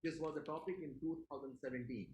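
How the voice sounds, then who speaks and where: A man's voice: a little high, steady tone, fast talker, a little mellow, reverberant, a little hiss or hum, low-quality recording. A man with an Indian English accent teaching a class, emphatic, repeating his questions to the students. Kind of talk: classroom lecture.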